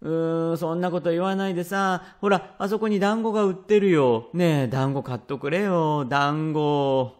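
A man's voice: on the high side, moderate pace, hardly any pauses, darkish tone, voice pushed up, natural voice. A man voicing a cheeky, pestering little boy who wheedles his father for treats in a rakugo tale. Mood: whiny. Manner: wheedling, whiny. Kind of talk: rakugo storytelling.

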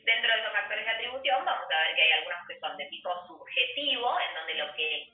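Woman law lecturer, lively rising pitch, distant tinny classroom sound. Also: brisk. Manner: explanatory, checks with frequent "¿sí?". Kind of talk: university lecture. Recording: echoey, phone-like, from far off.

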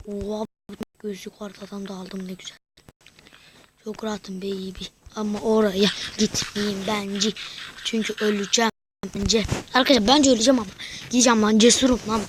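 A woman giving excitable live gameplay commentary as a YouTuber, swearing and shouting at the game, then dropping to whispers. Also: mid-range voice, background noise. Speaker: gaming YouTuber.

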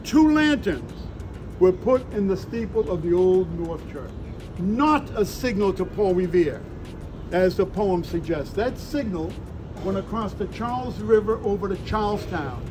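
Declamatory older man, high-pitched town crier delivery. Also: poor audio. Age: 60s. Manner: emphatic, short dramatic phrases with deliberate pauses. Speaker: costumed Freedom Trail tour guide. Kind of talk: theatrical historical tour narration. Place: outdoors in parks and streets among a tour group. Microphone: handheld phone a few steps away. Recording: phone recording with outdoor city noise.

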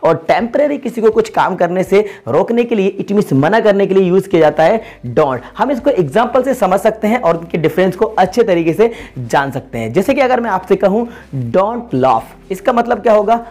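A man's voice: high-pitched, lively intonation, fairly quick, darkish tone. A man hosting a YouTube lesson, explaining English grammar in Hindi and repeating each example to stress it.

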